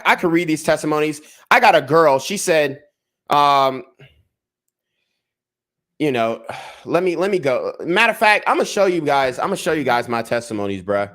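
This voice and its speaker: A man's voice: fairly high pitch, a bit bright. A young man giving a heated commentary rant on a livestream, repeating himself and restarting as he gets worked up. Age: young adult. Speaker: YouTube commentator.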